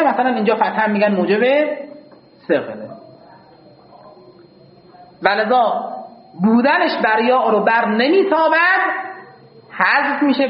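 A male teacher with a very high, lively voice lectures a class on grammar, posing questions and then answering them himself. He uses formal, courteous phrasing and repeats his main points, while the dull, lo-fi recording has a roomy echo.

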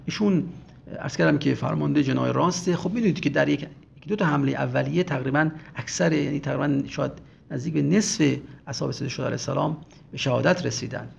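A man's voice: a little high, gravelly, a little hiss or hum. A man giving an emphatic religious lecture, retelling scenes and acting out quotes. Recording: dull lo-fi recording.

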